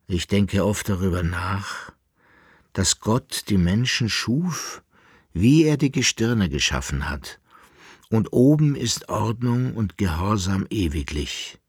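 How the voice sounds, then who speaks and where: A man's voice: lowish voice, animated, takes it slowly, slightly rough, no echo, clean studio sound, exaggerated voice. A man voicing a melancholy old emperor who muses tenderly and calls after a lost love, in a radio reading. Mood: musing. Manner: musing, yearning, then calling out.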